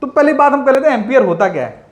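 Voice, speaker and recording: High-voiced male teacher in echoey room. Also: sing-song, very fast, a little hiss or hum. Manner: teasing, addresses students as "my dear children". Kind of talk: classroom physics lesson.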